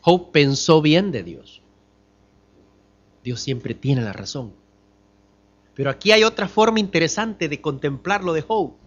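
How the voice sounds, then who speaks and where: A man preaching a sermon as pastor, asking the congregation questions and swinging from loud emphatic lines to hushed ones. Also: on the high side, animated, unhurried, pauses often, lo-fi sound. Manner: addresses the congregation as brothers.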